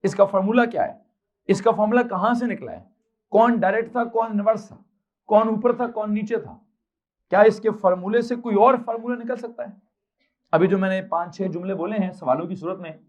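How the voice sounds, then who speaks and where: A man's voice: high-pitched, darkish tone, dull audio. A male physics teacher with a Pakistani Urdu accent, lecturing a class and firing off questions he answers himself. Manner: quizzing, answers his own rapid questions.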